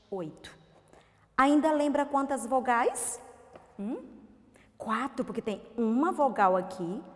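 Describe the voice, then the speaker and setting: A Brazilian woman teaching a recorded literacy lesson to young children, sounding out words slowly syllable by syllable and asking coaxing questions. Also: sits high. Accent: Brazilian Portuguese. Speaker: primary school teacher. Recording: reverberant room.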